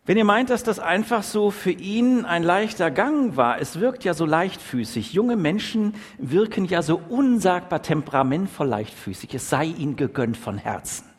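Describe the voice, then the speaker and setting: German preacher's lively sermon in a reverberant hall. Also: male voice, high voice, moderate pace, hardly any pauses, breathy edge. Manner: reads scripture aloud, then preaches with lively emphasis. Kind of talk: sermon with Bible reading.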